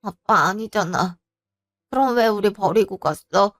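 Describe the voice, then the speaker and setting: A woman voicing a hurt young girl who accuses her father in sulky, tearful tones, in an animated storybook. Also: medium pitch, a little slow, soft background music, lightly acted. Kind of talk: storybook voice acting.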